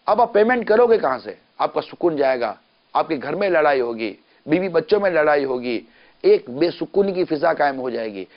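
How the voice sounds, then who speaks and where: High-voiced, emphatic preacher. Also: male voice, very animated, highs cut off. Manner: emphatic, rhetorical, with repeated questions and lists. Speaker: Islamic preacher. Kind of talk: televised sermon.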